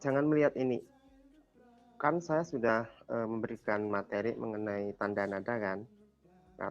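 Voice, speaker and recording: A man's voice: on the low side, dull audio. A man teaching a language class over a video call, quizzing students and patiently repeating their answers. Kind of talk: online class lesson.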